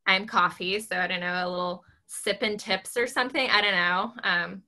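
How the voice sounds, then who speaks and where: This is a woman in her thirties who works in real estate, having a casual video chat through her laptop webcam while indoors in a small bedroom at home. She speaks at normal speed in a high, squeaky voice, gesturing as she talks and filling pauses with many ums.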